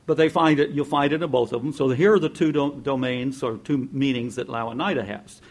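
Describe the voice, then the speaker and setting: In a relaxed, middling-pitched voice that moves slightly quickly, a pastor talks to his congregation like he's having a conversation. When quoting others he breaks into playful impressions, laughs frequently, and ramps up his energy to urge everyone on.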